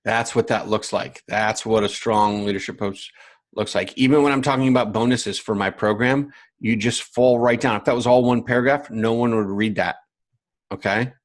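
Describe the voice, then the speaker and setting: A man's voice: fairly low pitch, steady tone, moderate pace. A man who coaches other coaches, teaching live online from a screen share, with emphatic repetition and frequent check-ins with viewers. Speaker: business coach.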